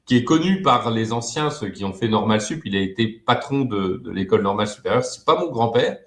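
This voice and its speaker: A man's voice: lowish voice, animated, brisk, roomy sound. A man talking as a guest expert in an interview, hesitant, with many fillers and repeated words. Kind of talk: web TV interview.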